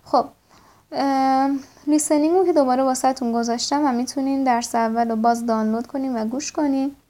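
Female English teacher, fairly high voice, slow deliberate spelling of words, brisk explanations. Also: steady tone, dark tone. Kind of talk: vocabulary lesson.

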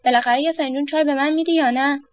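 A woman's voice: high voice, steady tone, dry recording, lightly acted. A woman voicing a brazen grumbling escaped convict. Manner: blunt and grumbling. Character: impatient, brazen escaped male criminal.

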